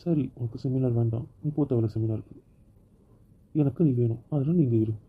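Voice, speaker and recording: Man rattling off lines quick in a home audio drama, husky, sounds like a phone line. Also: medium pitch. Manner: pleading, soft-spoken apologies. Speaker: audio drama narrator and lead voice. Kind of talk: amateur romantic audio drama.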